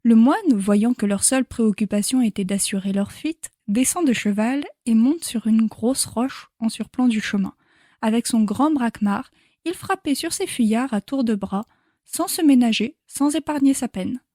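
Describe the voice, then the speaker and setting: A woman reading a classic novel chapter as an audiobook narrator in a measured, clear way. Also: a little high, warm tone, no room sound, studio quality.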